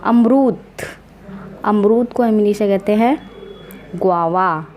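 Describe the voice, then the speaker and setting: A woman teaching vocabulary slowly and patiently, spelling each word out letter by letter. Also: mid-range voice, darkish tone. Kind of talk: slow, patient vocabulary lesson.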